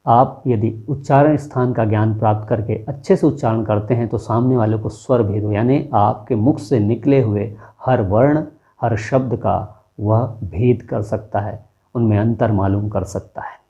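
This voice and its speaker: A man with a dark, mellow voice teaches a lesson in a patient, methodical way. He asks himself questions and then answers them, walking the listener through each point. The recording is a little dull and lo-fi. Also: on the low side, moderate pace. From India. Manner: steady, explains step by step with rhetorical questions. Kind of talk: explanatory lesson.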